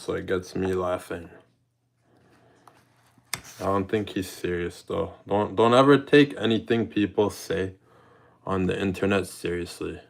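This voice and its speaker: A young man of mixed Jamaican and British heritage live-streams in public as an IRL streamer, chatting laid-back with viewers and thanking chatters by name. His voice is low and gravelly. There's a little hiss or hum in the audio.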